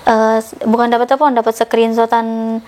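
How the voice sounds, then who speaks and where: Young woman, animated storyteller. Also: normal speed. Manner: animated, acts out quoted dialogue with sudden pitch jumps. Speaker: podcast guest telling her story. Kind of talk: casual storytelling.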